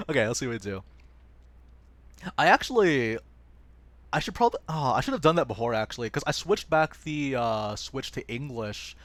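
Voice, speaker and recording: A man's voice: mid-range voice, a bit bright, dry recording. A man streaming himself playing a game live, chatting playfully with his viewers and joking at his own expense. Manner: laughs often. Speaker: gaming livestreamer. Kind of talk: casual live gameplay commentary.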